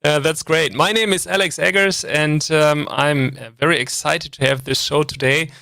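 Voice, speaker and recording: A man from Germany co-hosting a live online panel, introducing himself in a friendly, halting way with many fillers. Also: a little high, steady tone, vocal fry, pushed and bright, dry recording, studio quality. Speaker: co-host.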